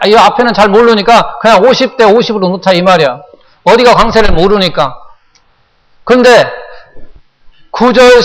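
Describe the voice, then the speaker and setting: High-voiced pastor preaching in a reverberant church. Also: male voice. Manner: asks the congregation questions, repeats phrases for emphasis. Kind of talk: sermon. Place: church sanctuary.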